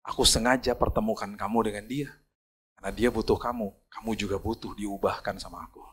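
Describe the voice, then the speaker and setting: A gentle divine voice speaks low and quiet, calm and reassuring, as a preacher puts it on in a sermon story. It is hushed and steady, well below the speaker's usual pitch. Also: male voice, fairly quick, husky.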